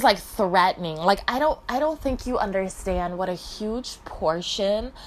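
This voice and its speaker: A young woman rants through a casual storytime, peppering every line with "like" and swear words. Her pitch swoops up and down all over the place, and there's a faint hum of room ambience behind her. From Detroit, Michigan. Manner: profane, fast valley-girl chatter with frequent "like" and laughs. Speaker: vlogger.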